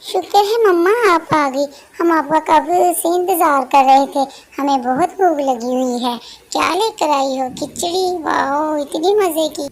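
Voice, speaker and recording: Woman voicing excited squeaky chicks, high and hungry, noisy track. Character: young chick children, eager and hungry.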